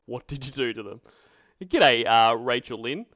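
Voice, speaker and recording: A man hosting a livestream reacts to recorded calls with casual, sarcastic, profane mockery. His medium-pitched voice is unhurried and a bit bright, with no room sound, and the stream audio is dull and lo-fi.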